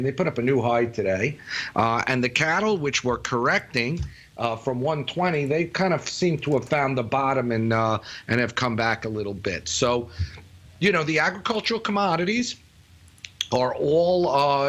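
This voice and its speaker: A man with a Brooklyn accent giving live market commentary as a guest analyst, in an emphatic, colloquial way with halting phrasing. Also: mid-range voice, a bit bright.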